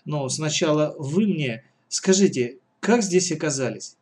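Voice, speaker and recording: A man voicing a calm, clever boy in glasses who speaks in a reasoned way. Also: on the high side, measured pace.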